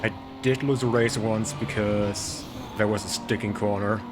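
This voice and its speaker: Streaming a racing game, this lightly German-accented man talks casually with his chat, easygoing as he says hello and thanks viewers. He speaks at a measured pace in a lowish voice, while engine and traffic sounds from the game play loudly underneath.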